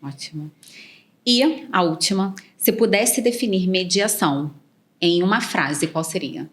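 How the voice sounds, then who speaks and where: A woman's voice: lowish voice, unhurried, fairly bright tone. A woman hosting a podcast, making short backchannel remarks and asking friendly questions. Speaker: podcast host. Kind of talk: casual podcast interview.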